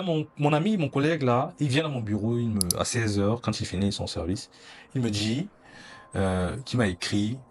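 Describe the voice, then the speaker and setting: Low-voiced man. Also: a little hiss or hum. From Cameroon. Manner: earnest, recounting, acts out dialogue. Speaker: interviewee. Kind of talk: personal storytelling.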